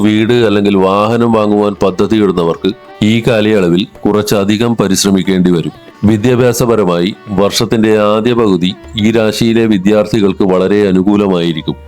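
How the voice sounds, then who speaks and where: A man with a low voice narrates a horoscope from a script. His reading is even and formal, and soft music plays under it. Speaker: astrology narrator. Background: soft instrumental music.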